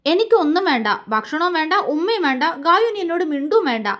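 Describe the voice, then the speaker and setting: A woman's voice: sits high, expressive, brisk. A woman voicing a young man with a childlike mind who is stubborn and sulky, speaking in a pleading, childish, insistent way.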